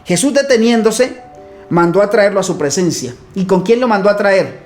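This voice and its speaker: A man's voice: high-pitched, animated, moderate pace, soft background music. A man preaching a fervent motivational sermon straight to the viewer.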